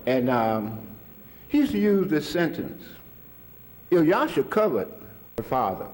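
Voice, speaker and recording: An older man tells stories to an audience in a colloquial way, chuckling often as he recalls a mentor. His voice is on the high side, sing-song and unhurried, with a darkish tone.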